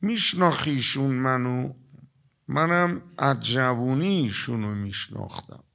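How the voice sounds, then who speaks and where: An older man giving a sermon to a gathering, telling stories and drawing some words out slowly before rushing through others. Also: mid-range voice, animated, gravelly, a bit bright. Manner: storytelling, shifting between slow, stretched emphasis and quick asides. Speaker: preacher. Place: religious gathering with an audience.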